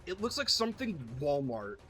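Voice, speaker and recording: Playing a video game, this streamer jokes and chats through his let's-play, voicing in-game lines in goofy voices. He speaks high, with wildly swooping pitch, a bright, forceful tone and a moderate pace. Soft music plays in the background.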